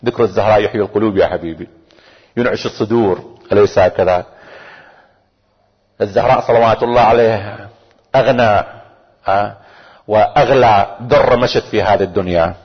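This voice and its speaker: A man's voice: lowish voice, a little fast, long pauses, husky. A man preaching a religious sermon, speaking straight to his listeners, repeating phrases for emphasis and rising into fervent, chanted salutations. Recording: lo-fi recording with long hall reverb.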